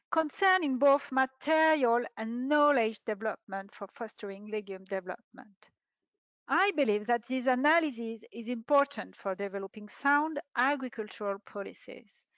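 A middle-aged woman, a researcher, reading a prepared presentation in a measured, formal way over a video call. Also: fairly high pitch, fairly bright tone, no room sound. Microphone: video call webcam. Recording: dull lo-fi webinar audio.

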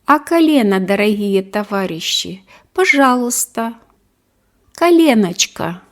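A woman voicing a drunk, brutish male prison sergeant who shouts threats at prisoners in slow, drawn-out bursts, in an audiobook story. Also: medium pitch. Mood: mocking. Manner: slow, drawn-out barking delivery.

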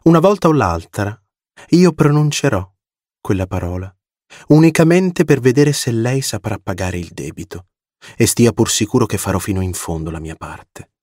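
A man reading an audiobook, voicing a proud, cold and mocking young woman with a sharp, scornful delivery. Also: fairly low pitch, expressive, normal speed, no room sound, clean studio sound, voice pushed up.

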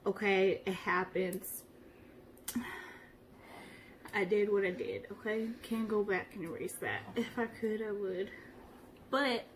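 A woman playing a dramatic, sassy young woman who thinks she is famous, talking in slang and swinging from hushed confiding to loud indignation. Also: mid-range voice, slight background noise, natural voice. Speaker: interviewee. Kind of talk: comedy sketch acting.

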